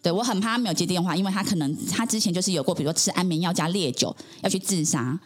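A woman's voice: fairly low pitch, racing, soft background music. A woman, a podcast guest earnestly telling her personal story in conversation, with frequent affirming interjections.

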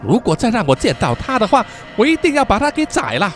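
A man voicing a trembling teenage student who forces himself to sound calm, over soft background music. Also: very high voice, fast, heavily acted. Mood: tense. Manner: shaky, then bravely dismissive.

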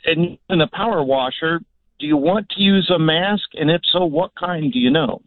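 A man's voice: fairly high pitch, normal speed, dry recording. Man calling in over the phone. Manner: hesitant, many filler uhs. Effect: heard over the phone. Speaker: caller. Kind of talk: call-in question to a radio show. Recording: tinny phone line.

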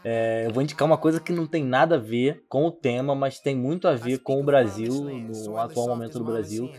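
Mellow Brazilian man chatting on a podcast. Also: mid-range voice, brisk. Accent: Brazilian Portuguese. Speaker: podcast co-host. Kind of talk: casual podcast chat.

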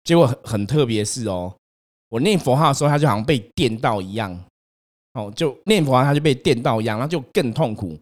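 A young man, hosting a casual chat and telling his own ghost story in an animated way, acting out the voices in it. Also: fast talker. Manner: animated, acts out quotes, rises in pitch when scared.

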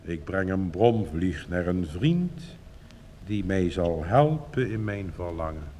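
Lovesick young frog, eager, man reading it, slow, faint hiss behind. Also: low-pitched, big pitch swings, mellow, voice pushed down, full character voice. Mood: earnest. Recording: reverberant recording with faint hiss.

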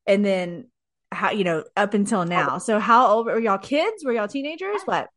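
A woman's voice: mid-range voice, animated, moderate pace, a bit bright. A woman hosting a podcast interview, enthusiastic and gushing about her guests. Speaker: podcast host.

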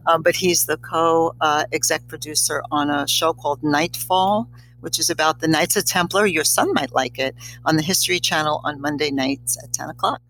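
An older woman with a hoarse, strained voice, talking conversationally as an interview guest. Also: deep voice, normal speed, fairly bright tone, low-quality recording. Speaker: podcast guest, college teacher.

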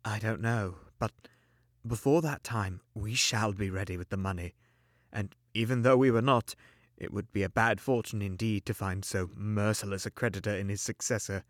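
Relieved poor husband, read by a man: low, measured, dry close sound. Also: dry recording, lightly acted.

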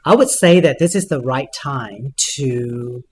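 A man speaking as an interview guest, giving conversational answers in a deliberate, halting way with repeated words. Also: mid-range voice, lively intonation. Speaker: podcast guest, business events executive. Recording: clear background noise.

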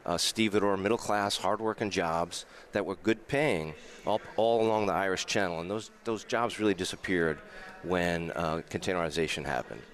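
A man's voice: low-pitched, moderate pace. A man with a New York accent from the Bronx, a hotel general manager speaking as a radio guest, telling history with frequent stammered restarts.

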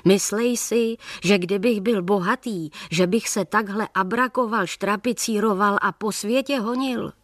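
A woman's voice: medium pitch, few pauses, no echo, clean studio sound, voice pushed up, close to an everyday voice. A woman voicing a sly, poor older male peddler who talks in a wheedling way, mixing in German and Yiddish words.

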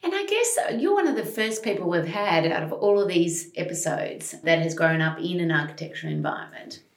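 A woman's voice: fairly low pitch, expressive, brisk, echoey room. A woman hosting a podcast interview, asking conversational questions. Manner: scripted intro then conversational questions. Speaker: podcast host.

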